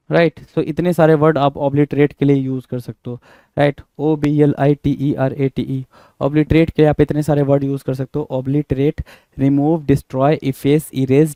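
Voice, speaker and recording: A man with an Indian accent teaches exam vocabulary in a mellow, fairly high voice. He repeats every word, spells it out letter by letter, and keeps quizzing the class. The sound is close and dry, with no room echo. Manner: repetitive, spells words letter by letter, quizzes listeners. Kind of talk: exam-prep vocabulary lesson.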